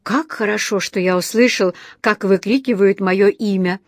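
A woman's voice: mid-range voice, normal speed, no echo, studio quality, close to an everyday voice. Courteous elderly male shopkeeper, read by a woman, kindly and patient. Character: kindly polite elderly male antique dealer.

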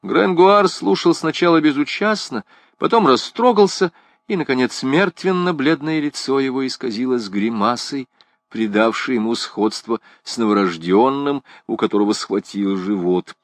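Brief: male audiobook narrator, mid-pitched, lively intonation, dry close recording. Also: normal speed, dry recording. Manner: expressive, animated storytelling.

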